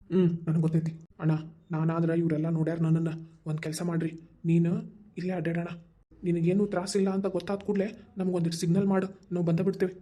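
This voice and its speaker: A voice actor doing a pair of scheming village brothers in a homemade cartoon, speaking with a North Karnataka Kannada accent. The talk is quick and blunt, full of plotting banter, rushed along at a fast clip. The voice sits at an ordinary middle pitch. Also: mellow, lightly acted. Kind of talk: amateur cartoon dubbing.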